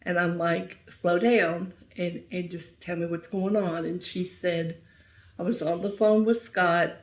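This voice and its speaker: A middle-aged woman telling a painful story as an interview guest, speaking softly and sometimes near a whisper. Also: lowish voice, fairly even intonation, a little slow. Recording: roomy echo.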